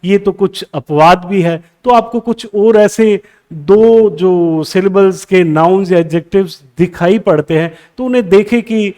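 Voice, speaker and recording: A man's voice: high-pitched, unhurried, a little mellow. A man teaching English exam prep in a lecture, mixing Hindi with English terms and answering his own questions. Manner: asks the class questions, then answers them himself.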